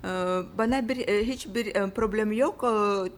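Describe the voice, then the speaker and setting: A woman from Russia with a Russian accent, telling about her own life casually in simple, halting non-native Turkish with grammatical slips. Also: medium pitch. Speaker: interview guest. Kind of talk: casual personal storytelling.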